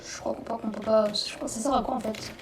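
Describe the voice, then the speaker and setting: A woman hosting a let's play, giving excitable, rambling commentary and swearing when things go wrong. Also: fairly high pitch, a little fast. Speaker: gaming video host. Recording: roomy, distant mic, noisy background.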